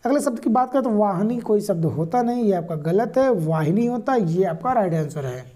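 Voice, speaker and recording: This spelling lesson for exam prep comes from a woman whose medium-pitched, dark-toned voice is animated and a little fast. Addressing viewers directly, she patiently explains each word and keeps repeating the correct spellings.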